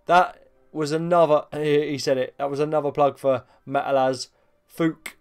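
A man's voice: a little high, fairly even intonation, moderate pace, clear, resonant tone, faint music behind. A man giving casual, sarcastic commentary while playing a game and bantering with it. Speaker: let's play host.

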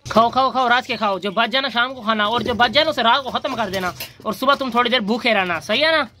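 A man's voice: very high-pitched, fast, sharp tone, slight background noise. A young man chatting casually as he feeds his birds and rabbits, coaxing the animals between remarks. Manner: chatty, calls and coaxes animals while feeding. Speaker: vlogger and bird keeper. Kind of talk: casual farm vlog narration.

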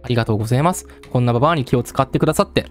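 A man's voice: mid-range voice, very fast, faint music behind, pitched below the performer's own voice, natural voice. A man voicing a pitiful old female ghost who pleads in humble, old-fashioned speech. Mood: pleading.

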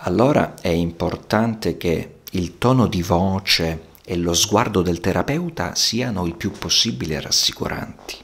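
Slow, gravelly-voiced man speaking reflectively. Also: low voice, fairly bright tone. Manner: measured, contemplative, poetic phrasing. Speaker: psychotherapist.

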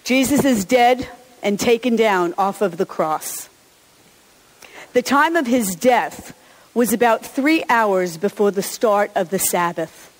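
A woman's voice: mid-range voice, slow. A woman pastor giving an Easter sermon and children's message in a church, chatty and encouraging and often chuckling. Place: large church sanctuary. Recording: long church reverb.

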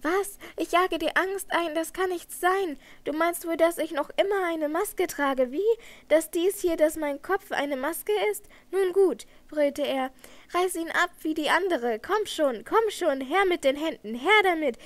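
A woman's voice: extremely high pitch, unhurried, hardly any pauses, dry recording. A woman voicing a raging disfigured phantom. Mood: raving lament. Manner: roaring, mocking, raised voice. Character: disfigured masked man, furious and obsessive.

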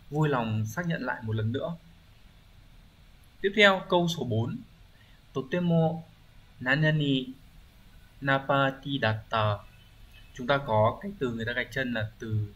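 A man of middle pitch talks his students through exam questions one at a time. He explains each word patiently and keeps pausing to check that they follow. A faint hiss sits under the recording. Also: sharp tone. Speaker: Japanese teacher. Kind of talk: exam review lesson.

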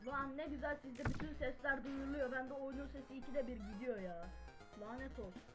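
A woman yelling and swearing her way through gameplay commentary. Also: high voice, normal speed, low-quality recording. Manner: loud, yelling and cursing. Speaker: gamer. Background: game music.

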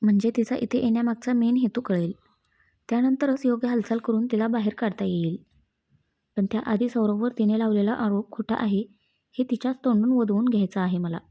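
A woman reading the lines of a calm, self-assured young husband in a storybook, steady and reassuring. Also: on the high side, fairly quick, close to an everyday voice.

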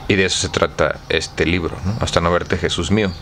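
A man's voice: low-pitched, steady tone, a little fast, fairly bright tone, soft background music. A man with a Mexican accent, casually commenting on a book with lots of slang and an irreverent tone. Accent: Mexican Spanish. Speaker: book club host.

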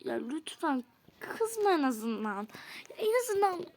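A woman's voice: very high voice, sing-song, slow, exaggerated voice. A woman voicing a pleading teenage boy who keeps apologizing to his girlfriend in a doll role-play story.

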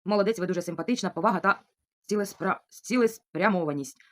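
Fast-talking chatty woman. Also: mid-range voice. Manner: chatty, confiding, keeps asking the viewer "you know?". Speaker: vlogger answering viewer comments. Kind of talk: casual chat to camera. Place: at home.

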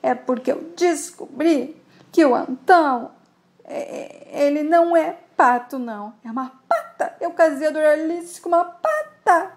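A woman's voice: sits high, a little slow, pitched above the performer's own voice. A woman voicing a tearful rural woman with rustic country speech, in a soap recap. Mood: whiny.

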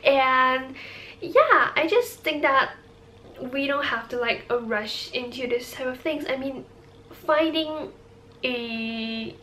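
This eighteen-year-old vlogger, a native Cantonese speaker with a Hong Kong accent, chit-chats casually and a little hesitantly to camera. Her voice sits high and sounds expressive, slow, pushed and bright, with slight background noise.

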